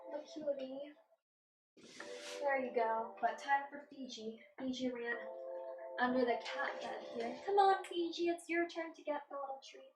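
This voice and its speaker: A woman's voice: sits high, moderate pace. A woman livestreaming in a casual, chatty way, cooing and doting as she talks to her cats. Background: faint background music.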